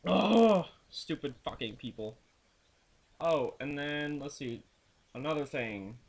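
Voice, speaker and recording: A man's voice: mid-range voice, measured pace. A young man in a video blog, ranting crudely and swearing constantly while telling road trip stories. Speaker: vlogger. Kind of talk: profane ranting vlog.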